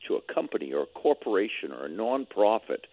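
A man with a fairly low voice speaks over a thin, tinny phone line into a radio show. He explains things patiently and at a measured pace, sometimes stopping to restart a phrase. The narrow telephone sound squeezes his voice into the middle frequencies. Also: very animated. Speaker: real estate board president, radio guest. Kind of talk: call-in radio interview.

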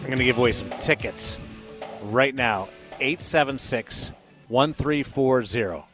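A man's voice: medium pitch, a little slow, a bit bright, soft background music. A man hosting a sports radio show, delivering a contest promo and ticket giveaway to callers.

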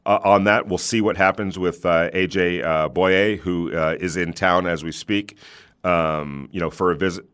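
A man hosting a sports call-in show, giving unscripted commentary in hesitant, measured phrases with many pauses. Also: low-pitched, steady tone, fairly bright tone, clean tone.

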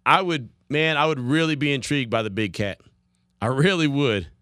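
A man hosts a sports talk radio show, chatting casually, repeating himself and laughing easily. His medium-pitched voice is a bit bright at a normal speed, captured on a studio microphone with clean, dry studio sound.

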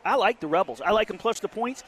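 High-voiced man on sports radio. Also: expressive, a bit bright, breathy edge. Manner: emphatic, rapid-fire opinions. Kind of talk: sports betting talk radio. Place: casino sportsbook studio.

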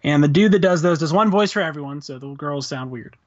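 Man, a bit high voice, casual opinionated chat, muffled lo-fi audio. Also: brisk. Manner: opinionated, thinks aloud with restarts. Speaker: podcast co-host discussing a film and comic. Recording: dull lo-fi sound.

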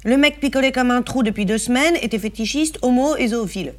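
A woman's voice: extremely high pitch, very animated, moderate pace, sharp tone, exaggerated voice. A woman playing a foul-mouthed police inspector, frantic and insulting in a comedy audio drama. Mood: dismissive.

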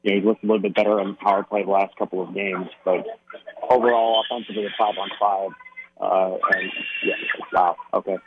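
A male sports reporter giving halting analysis as a radio guest over a dull, noisy phone call. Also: deep voice, level tone. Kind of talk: live phone interview. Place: busy airport.

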